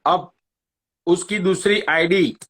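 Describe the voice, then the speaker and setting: Guy ranting slow on a livestream, bright voice, sarcastic taunts and swearing. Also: sits high, steady tone. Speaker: live-stream host. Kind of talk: ranting live-stream chat. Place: Long Island, New York.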